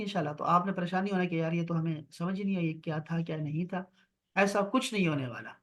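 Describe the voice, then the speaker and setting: Over a video call, a man teaches an online grammar lesson patiently and reassuringly, drawing out and repeating each word. His voice sits fairly high with a fairly bright tone.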